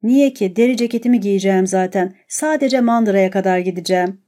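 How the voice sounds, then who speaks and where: A woman's voice: mid-range voice, brisk, mellow, close to an everyday voice. A woman reading the lines of a restless, guilt-torn young married landowner in a storybook reading, in a brooding tone.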